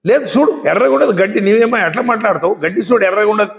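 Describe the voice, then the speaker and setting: A man's voice: high voice, very fast, creaky, muffled recording. A man voicing a boastful, foolish male donkey who brags and insists stubbornly. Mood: insistent. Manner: bragging, insistent. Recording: echoey hall.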